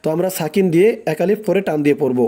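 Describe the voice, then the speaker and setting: A man's voice: a little high, rapid-fire, warm tone. A man teaching a recitation lesson, breaking words into syllables, drawing out the recited phrases and having listeners repeat after him.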